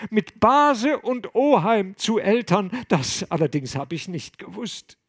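A man voicing a distraught young man who sobs and reproaches himself in a high, loud lament. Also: very animated, takes it slowly, exaggerated voice. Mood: anguished. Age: young adult. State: sobbing.

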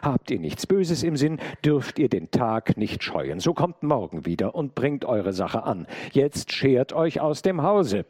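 A man's voice: medium pitch, sing-song, unhurried, few pauses, darkish tone, breathy edge, no echo, clean studio sound, voice pushed up. Man voicing a defiant old housekeeper. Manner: firm, defiant. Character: brave loyal older housekeeper woman.

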